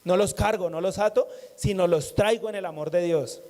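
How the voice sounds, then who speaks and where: A man's voice: high voice, normal speed, mellow. A man preaching a sermon in a conversational way, repeating phrases and joking with the congregation.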